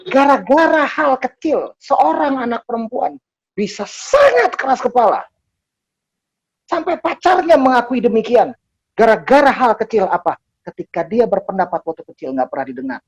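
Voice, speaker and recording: Lively woman preaching. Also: fairly high pitch, normal speed, breathy edge. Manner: animated, switching between Indonesian and English. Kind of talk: sermon.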